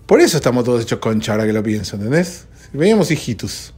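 A man's voice: medium pitch, very animated, quick pace, darkish tone, breathy edge. A sleepy man with a Rioplatense Spanish accent, rambling conversationally as a podcast host, recorded at home at dawn. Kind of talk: solo podcast chat.

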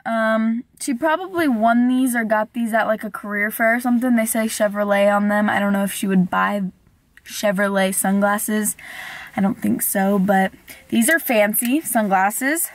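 This young woman's vlog is a casual chat recorded on a dashboard camera in her parked car. She has a medium-pitched voice and a moderate pace, giggling and saying "like" frequently, with no room sound.

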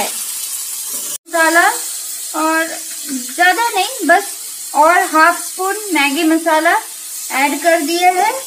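Woman, cooking tutorial, high-pitched, slow, chatty, home kitchen. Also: pushed and bright, a little hiss or hum, poor audio. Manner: chatty, addresses viewers as friends. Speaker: cooking channel host.

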